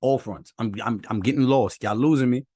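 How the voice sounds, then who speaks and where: A young man co-hosting a podcast in casual, emphatic chat, slangy and quick to laugh. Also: mid-range voice, darkish tone, slightly rough, dry recording, studio quality. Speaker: podcast co-host. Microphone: own mic at home, phone nearby.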